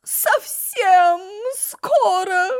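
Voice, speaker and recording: Woman doing a shrill, wailing old queen. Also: very animated, measured pace, exaggerated voice. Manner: wails and shrieks in a high, shrill voice. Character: fussy, tearful old female queen.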